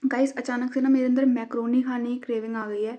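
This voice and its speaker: A woman's voice: flat delivery, fast talker, dark tone, highs cut off. A young woman from India chatting casually to her viewers while she cooks at home, joking about herself and coaxing her cat. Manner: chatty, self-mocking, talks to her cat in a high coaxing voice. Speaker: vlogger. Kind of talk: casual home vlog chat. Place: home kitchen.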